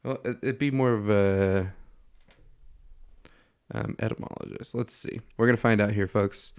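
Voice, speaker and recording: A man's voice: lowish voice, a little slow, clear, resonant tone, no echo, studio quality. A man hosting a casual podcast, sounding nasal and congested from a head cold that blocks his nose. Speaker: podcast host.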